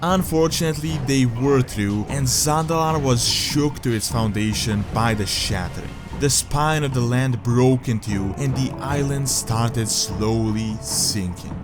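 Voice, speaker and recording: A man delivers scripted top ten countdown narration at a middling pitch. Music plays clearly behind his voice throughout. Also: unhurried, hardly any pauses. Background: background music.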